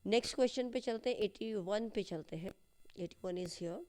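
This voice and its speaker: A woman teaching English grammar and literature in a lesson that walks through an exam paper, explaining in Hindi and slowly dictating English sentences. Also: medium pitch, darkish tone. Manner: slow, deliberate dictation of English phrases.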